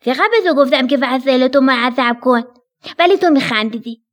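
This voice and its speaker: A woman's voice: high-pitched, close to an everyday voice. A woman voicing a tidy young storybook friend who teases and chides. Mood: scolding.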